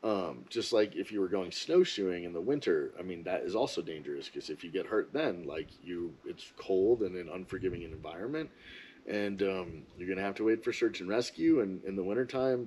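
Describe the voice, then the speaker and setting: A man talks in a loose, rambling way and freely shares his opinions in a casual vlog. His voice sits on the low side, with a husky, slightly breathy grain. He sounds like someone chatting straight to his viewers. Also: a little mellow, poor audio. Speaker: ski vlogger. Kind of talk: casual monologue.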